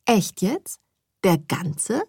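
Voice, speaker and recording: A skeptical, weary woman photographer, as the reader puts her on. Her lines rise a little above the narration, husky and incredulous. The sound is dry and close. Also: fairly low pitch, big pitch swings, drawn-out words, warm tone, dry recording, heavily acted.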